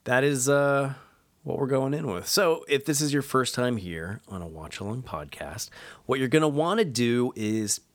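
A man's voice: medium pitch, expressive, normal speed, no room sound. A man hosting a casual watch-along podcast, rambling and self-mocking, stumbling over names as he reads. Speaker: podcast host.

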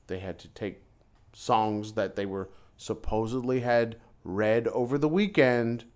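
Exasperated male teacher ranting. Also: on the low side. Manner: exasperated storytelling rant, repeats himself. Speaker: English teacher in China. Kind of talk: casual podcast chat.

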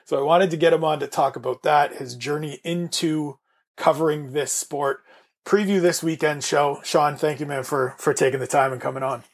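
Canadian-raised podcast host guy, kinda high voice w/ some fry, rambly. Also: fairly even intonation, normal speed. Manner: chatty, rambling with restarts. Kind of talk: casual podcast chat.

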